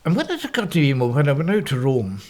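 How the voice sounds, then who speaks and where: A Scottish professor in his seventies reminisces about his school days in an oral history interview held indoors in a parish house room. Reflective and wry, he often corrects himself mid-sentence, his fairly high, slightly mellow voice moving quickly with huge pitch swings.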